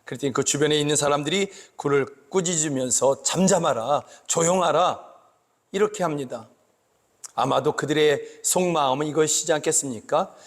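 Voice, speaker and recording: A pastor giving a slow, emphatic sermon that rises into loud cries. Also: male voice, fairly high pitch. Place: church sanctuary. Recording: long church reverb.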